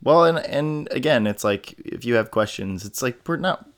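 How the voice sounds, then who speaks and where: A man's voice: medium pitch, lively intonation, normal speed. A man hosting a podcast, chatting casually with a guest and often restarting his sentences. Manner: chatty, rambling with many restarts. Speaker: podcast host. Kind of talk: casual interview chat.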